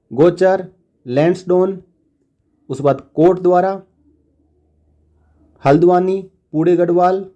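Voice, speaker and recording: Man, channel host, slow steady list reading, high-ish mellow voice. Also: lo-fi sound.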